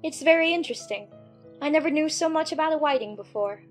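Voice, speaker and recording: A woman's voice: high-pitched, animated, fast talker, faint music behind. A woman voicing Alice, a polite, curious and slightly timid young girl, in a dramatized audiobook. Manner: polite, earnest, a bit timid.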